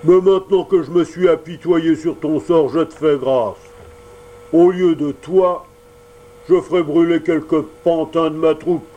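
A man voicing a gruff, bearded male puppet-show boss who booms his words and breaks into sneezing fits in a storybook reading. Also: steady tone, unhurried, mellow, dull audio, close to an everyday voice.

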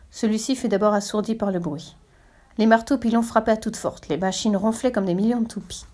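Woman reading a storybook in a mellow voice. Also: medium pitch. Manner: steady, expressive reading. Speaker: narrator.

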